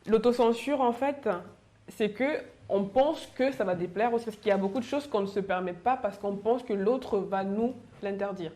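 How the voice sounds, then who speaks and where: A woman from Cameroon, a guest in a panel discussion, speaking reflectively with quick restarts. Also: mid-range voice, dark tone. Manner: talks fast, reflective, with frequent restarts. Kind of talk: casual discussion.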